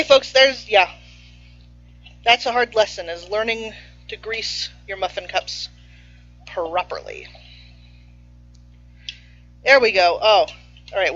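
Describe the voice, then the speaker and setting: A woman's voice: medium pitch, fairly bright tone. A woman hosting a casual cooking stream in a home kitchen, chatty and playful, sometimes talking with her mouth full. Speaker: baking show host. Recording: slightly muffled, faint music behind.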